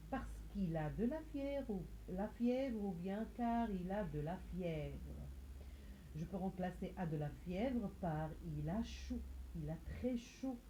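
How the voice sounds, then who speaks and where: A woman's voice: lowish voice, mellow, slight background noise, poor audio. A woman teaching a phonics reading lesson to young children, patiently asking questions and repeating each word aloud. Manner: patient, repeats words and syllables aloud, asks questions and answers them herself.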